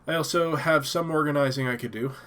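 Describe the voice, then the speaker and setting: A man's voice: on the high side, fast, fairly bright tone. A man hosting a casual live stream from his home office, stuffed up and thinking aloud with many fillers and restarts.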